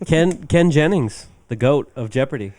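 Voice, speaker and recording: A man's voice: medium pitch, expressive, normal speed, a little mellow. A man hosting a podcast in casual chat, swearing freely and laughing as he tells stories. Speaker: podcast host. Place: bar.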